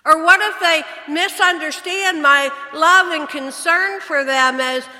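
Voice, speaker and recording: In a church sanctuary, a woman pastor delivers an earnest sermon at an unhurried pace, posing questions to her listeners. Her voice is extremely high and sharp. Mic switching on the church microphone is audible, along with long reverb.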